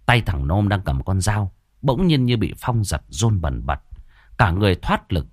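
A man narrating a ghost story with a vivid, expressive telling. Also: deep voice, measured pace, dry recording, clean studio sound. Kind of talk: dramatic horror story narration.

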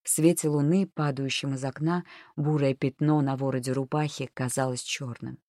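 A woman reading a story aloud in a measured, tense storytelling manner. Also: rumbling low, steady tone, dark tone, no room sound, studio quality. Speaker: audiobook narrator. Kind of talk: scripted narration.

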